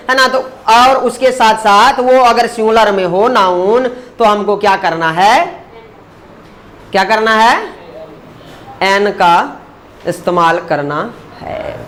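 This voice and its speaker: A high-pitched man with a fairly bright tone teaches grammar at a slow pace. He splits words into syllables as he says them and habitually answers his own questions to the students.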